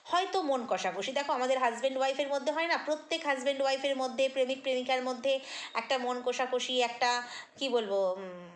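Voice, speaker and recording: A woman's voice: high voice, fairly quick. A woman vlogger talking through a casual commentary monologue, chatty and critical, with many fillers and restarts.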